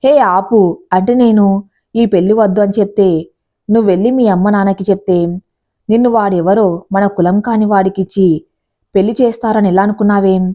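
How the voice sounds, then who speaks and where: Brief: woman reads bitter young fiancé, sarcastic and scolding, mellow-toned storybook read. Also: mid-range voice, steady tone, fairly quick, muffled recording, natural voice. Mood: angry, sarcastic. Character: angry jealous young man, the fiancé uncle.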